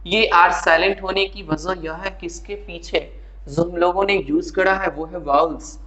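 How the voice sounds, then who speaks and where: A man's voice: high voice, fairly even intonation, moderate pace, reverberant, crowd noise, low-quality recording. A man teaching an English grammar lesson in a chatty, classroom manner, addressing his students as friends. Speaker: English tutor. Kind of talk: casual classroom explanation.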